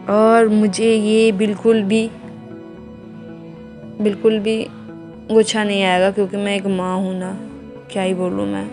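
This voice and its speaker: A woman's voice: mid-range voice, darkish tone. A young woman from India, narrating her day at home casually to viewers while minding her baby. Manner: chatty, homely, talks to viewers and baby. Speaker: vlogger mother. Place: home indoors.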